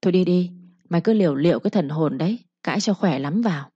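A woman's voice: fairly low pitch, animated, fast talker, slightly rough, no room sound, highs cut off. Woman voicing a harsh scolding young mistress. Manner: sharp, contemptuous, threatening.

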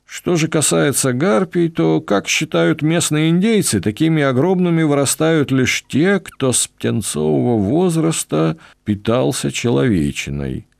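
A man's voice: fairly high pitch, animated, measured pace, creaky, hardly any pauses, darkish tone, dry recording, clean studio sound, pitched above the performer's own voice. A man voicing a cheerful, knowing male jungle guide who talks in an upbeat, matter-of-fact, folksy way. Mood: cheerful, reassuring.

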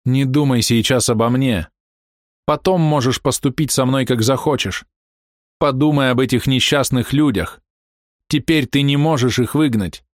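A man's voice: medium pitch, moderate pace, no room sound, clean studio sound, pitched above the performer's own voice, natural voice. A man voicing a remorseful young wife who confesses her adultery in an anguished, pleading way. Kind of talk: audiobook character voice.

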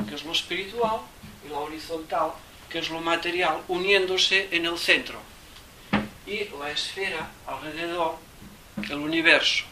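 Bright, slow-talking man with Catalan accent. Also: high voice. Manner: rambling, asks "¿eh?" again and again, thinks aloud. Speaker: teacher of theosophy. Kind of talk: informal talk to a small group. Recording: distant mic with faint noise.

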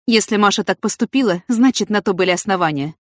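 A woman's voice: mid-range voice, lively intonation, fast talker, no room sound, clean studio sound, lightly acted. A woman voicing a pragmatic, blunt female farm worker who grumbles. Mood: grumbling. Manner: grumbling, practical.

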